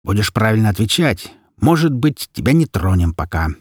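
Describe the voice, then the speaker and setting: Man playing a coarse menacing gangster, cursing, husky dry voice, audiobook. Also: lowish voice, big pitch swings, normal speed, no echo. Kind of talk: audiobook character voice.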